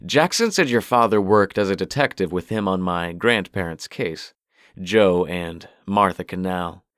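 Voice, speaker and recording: An earnest, probing man, as a male narrator plays him in a low voice. He presses with questions in an audiobook reading. The recording is dry and close. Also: a little slow, fairly bright tone, clear, resonant tone, no echo. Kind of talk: audiobook character voice.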